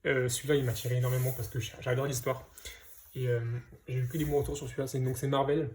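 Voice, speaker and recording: A man's voice: mid-range voice, level tone, quick pace, darkish tone, a little hiss or hum. A man casually presenting his comic book purchases to viewers, hesitant, with lots of fillers and restarts. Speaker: comic book collector vlogger. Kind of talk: casual unboxing chat.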